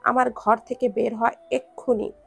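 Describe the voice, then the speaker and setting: A woman's voice: fairly high pitch, level tone, normal speed, creaky, slightly rough. A woman reading as a stern, hot-tempered young man. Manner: harsh, scolding. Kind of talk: storybook reading.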